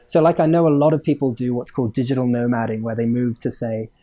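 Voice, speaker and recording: A man born in Hong Kong, guesting on a podcast as a game studio owner, talks quickly with a warm tone, medium pitch, and fairly even intonation. His casual interview chatter rambles, with lots of fillers and chuckles mid-sentence.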